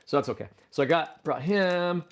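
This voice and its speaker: A man hosting a casual livestream, excitable and rambling, often restarting his sentences and breaking into loud exclamations. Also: fairly high pitch, normal speed. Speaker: livestream host.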